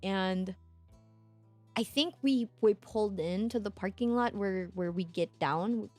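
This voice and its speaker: A woman's voice: measured pace, soft background music. A young woman from the Philippines, a streamer telling a travel story in casual chat, acting out the people she quotes. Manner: animated, acts out quoted voices with high squeals.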